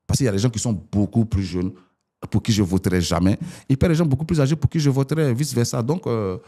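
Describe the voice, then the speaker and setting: A man in his forties from Ivory Coast, a politician arguing his points as a guest in an interview. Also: fast talker. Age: 40s. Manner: animated, rising pitch when arguing.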